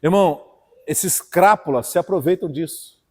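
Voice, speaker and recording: Brazilian São Paulo preacher, man, high tenor, swings hushed to loud, long church reverb. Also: normal speed. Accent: Brazilian Portuguese, São Paulo. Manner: fiery, swings from hushed to loud, keeps calling "irmão". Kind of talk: sermon. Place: church hall.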